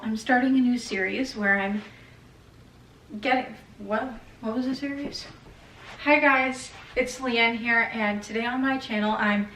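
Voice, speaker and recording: Young female vlogger, casual and profane, higher voice, roomy off-mic sound. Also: fairly bright tone, recorded from a distance, slight background noise. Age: 20s. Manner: chatty, swears casually, trails off and restarts. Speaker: lifestyle vlogger. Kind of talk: casual vlog chat. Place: bedroom at home.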